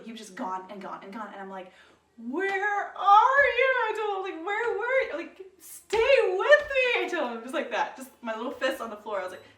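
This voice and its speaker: Young woman telling a story in an echoey room. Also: distant mic. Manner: animated, acts out quoted lines with rises in pitch and volume. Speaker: vlogger telling her birth story. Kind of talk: casual storytelling to camera. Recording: roomy echo, voice a little off-mic.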